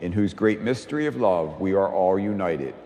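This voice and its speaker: A man leading the prayers of a Mass as priest, in a solemn, measured intoning manner. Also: low-pitched, lively intonation, big-room sound, very noisy. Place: large church.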